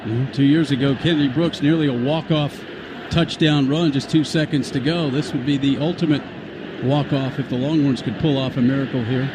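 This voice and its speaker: Male color analyst over clear background noise. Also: mid-range voice, fairly even intonation, normal speed. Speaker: radio football color analyst. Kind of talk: live sports color commentary, conversational. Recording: noisy live outdoor stadium broadcast.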